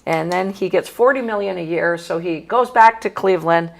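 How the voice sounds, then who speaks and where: A woman with a low voice and a gravelly edge hosts a casual sports talk show. She is a former coach and talks in a chatty, emphatic way. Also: normal speed.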